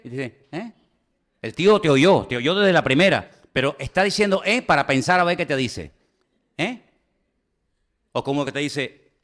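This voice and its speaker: A preacher with a fairly high voice delivers a sermon to his church. He talks in a chatty, humorous way, speaks straight to his listeners and acts out little conversations with them. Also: fairly bright tone. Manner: humorous storytelling, acting out dialogue in his own voice; conversational, addresses the congregation directly. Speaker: pastor.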